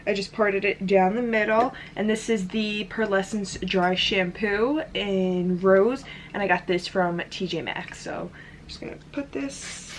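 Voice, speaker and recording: A woman's voice: medium pitch, steady tone, a little slow, hardly any pauses, slight background noise. A woman talking casually through a hair tutorial, chatty and full of "like" fillers. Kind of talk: casual step-by-step demonstration. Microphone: camera in front of her.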